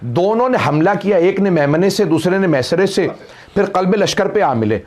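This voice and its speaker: High-voiced impassioned male preacher. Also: lively intonation, moderate pace, a little mellow. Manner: impassioned, rising to wailing peaks in quoted lines. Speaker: Shia cleric reciting majlis. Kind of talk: mourning sermon recitation.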